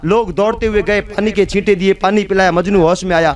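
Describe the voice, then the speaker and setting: A very high-pitched male preacher delivers an impassioned sermon. He drives his points with rhetorical questions and repetition, building up to loud cries. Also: fairly even intonation, brisk, crowd noise. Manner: fervent, rhetorical questions, repeated phrases, swelling to shouts. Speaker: Islamic preacher. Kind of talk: impassioned Urdu-Hindi sermon.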